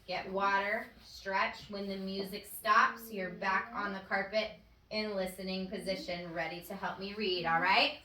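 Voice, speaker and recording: Heard from far off in an echoey classroom with slight background noise, a first-grade teacher guides a child through a phonics lesson, patient and encouraging. Her mid-range voice is bright and forceful, with fairly even intonation and a measured pace.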